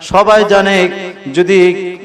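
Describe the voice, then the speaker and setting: A man's voice: sits high, level tone, very slow. A male preacher, delivering a sing-song chanted sermon and calling on the crowd to respond. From Bangladesh. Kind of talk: chanted Bangla waz sermon. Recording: reverberant hall sound.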